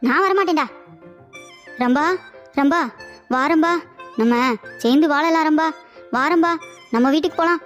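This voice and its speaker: A woman's voice: high voice, normal speed, long pauses, soft background music, lightly acted. A woman voicing a foolish, henpecked older husband in a cartoon comedy, whiny and lovesick. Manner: whiny, pleading, dreamy.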